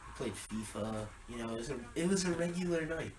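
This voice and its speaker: A man's voice: medium pitch, animated, a little fast, reverberant, recorded from a distance, rough recording. A young man co-hosting a podcast, telling a rambling story in casual chat with lots of fillers. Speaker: podcast co-host.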